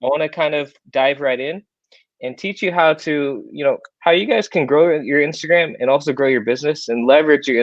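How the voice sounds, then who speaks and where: A young man presents a casual online talk, upbeat and full of fillers. His pitch sits in the middle range. The sound is dry and a little muffled. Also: dry recording. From born in South Korea, raised in Iowa, USA. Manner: chatty, filler-heavy, upbeat. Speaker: guest presenter.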